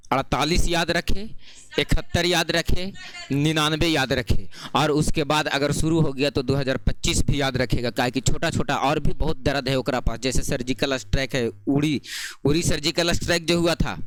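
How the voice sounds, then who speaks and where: Bright high-voiced Bihari Hindi teacher. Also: male voice. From Bihar, India. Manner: call-and-response questioning, sing-song, chatty. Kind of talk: classroom lecture.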